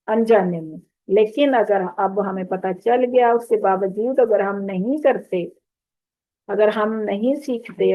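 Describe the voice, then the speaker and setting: A woman with a Pakistani Urdu accent teaching Quran recitation, speaking earnestly and patiently as she contrasts right and wrong sounds. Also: mid-range voice. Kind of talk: spoken lesson with recited examples. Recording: tinny phone-like audio.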